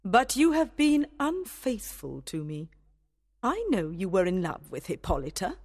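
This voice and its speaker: A man's voice: high-pitched, sing-song, measured pace, pitched above the performer's own voice, exaggerated voice. A man reading a storybook aloud, voicing a proud and defiant fairy queen in a raised, indignant voice. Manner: haughty and indignant.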